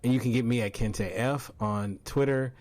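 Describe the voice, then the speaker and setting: A man's voice: medium pitch, normal speed, a little mellow. A man co-hosting a casual TV recap podcast in a laid-back, teasing manner, laughing often. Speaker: podcast co-host.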